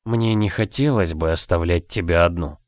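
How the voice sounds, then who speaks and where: A man voicing a calm, caring young noblewoman who speaks gently and reassuringly. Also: low-pitched, moderate pace, no room sound, studio quality, close to an everyday voice. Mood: gentle.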